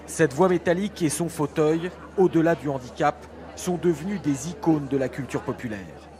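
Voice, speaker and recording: A male reporter reading scripted news voice-over narration in a measured delivery. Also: a little high, animated, darkish tone.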